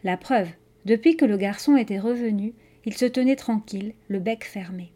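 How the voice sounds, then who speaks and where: A woman's voice: medium pitch, moderate pace, dark tone. A woman reading a children's novel aloud, narrating steadily and expressively. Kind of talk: read-aloud storytelling.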